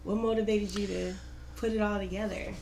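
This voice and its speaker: Brisk upbeat woman interviewer. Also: medium pitch, flat delivery, vocal fry, a little mellow, reverberant, poor audio. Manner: brisk, upbeat, frequent short backchannels. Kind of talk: casual interview.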